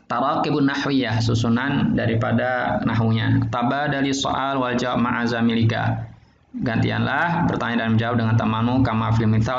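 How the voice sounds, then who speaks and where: A man teaching an online Arabic textbook lesson, explaining each term in with pauses and restarted words. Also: medium pitch, gravelly. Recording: roomy, dull lo-fi recording with faint noise.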